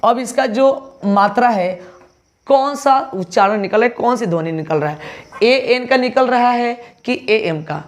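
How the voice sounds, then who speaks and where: A man's voice: very high voice, measured pace. A male teacher giving an online exam-prep lesson, spelling words letter by letter and answering his own questions. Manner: asks questions then answers them himself.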